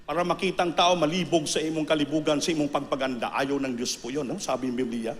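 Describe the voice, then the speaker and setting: A male preacher delivering a sermon, emphatic and repetitive, breaking into sudden high bursts on key words.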